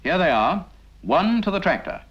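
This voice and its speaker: The voice sits high with a breathy edge, big pitch swings and a moderate pace. A British man narrates a scripted 1950s military training film, teaching the trainee directly and didactically with rhetorical questions, over a dull 1950s film soundtrack.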